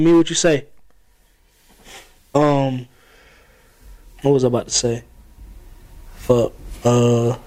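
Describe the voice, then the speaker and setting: A man, co-hosting a casual podcast chat and ranting loudly with plenty of profanity. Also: mid-range voice, rough recording. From South Carolina. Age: 30s. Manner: loud, profane, opinionated ranting. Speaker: podcast co-host.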